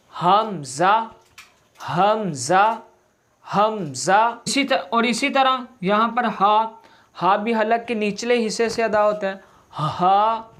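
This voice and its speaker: A man teaching a recitation class step by step, drawing out each sound slowly and deliberately to demonstrate it. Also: high-pitched, a bit bright. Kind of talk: step-by-step lesson.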